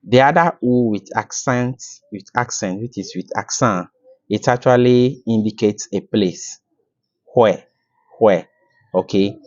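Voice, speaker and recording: A man teaching a casual video lesson on French words, explaining slowly with fillers and repeats. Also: lowish voice, a little mellow, highs cut off.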